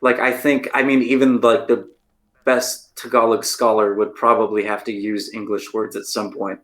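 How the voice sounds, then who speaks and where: This is a chatty American podcast co-host who lives in Taiwan, spinning casual stories full of "like" and "right?". His voice is lowish with little pitch movement, at a moderate pace.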